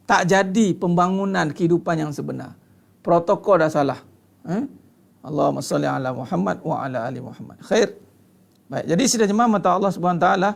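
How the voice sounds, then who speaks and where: This religious lecture comes from a man with a Malaysian Malay accent whose high-pitched voice has vocal fry. Addressing his congregation emphatically, he stretches important words and throws out rhetorical questions.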